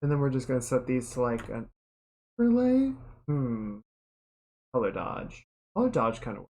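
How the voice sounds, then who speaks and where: A woman's voice: extremely low pitch, normal speed. A woman art streamer chatting casually and muttering to herself while she draws. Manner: relaxed, mutters while working. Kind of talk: casual chat while drawing.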